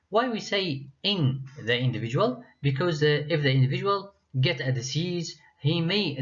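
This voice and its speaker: A man's voice: mid-range voice, fairly bright tone. A man lecturing university students, reading his slides with frequent hesitations and restarts. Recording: dull lo-fi lecture recording.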